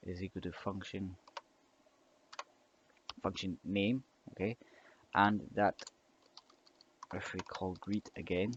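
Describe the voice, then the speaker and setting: Over the sound of typing and mouse clicks, a young scripting tutor rambles through a casual coding tutorial in a lowish voice, stumbling with fillers and restarts. The dull lo-fi mic picks up slight background noise.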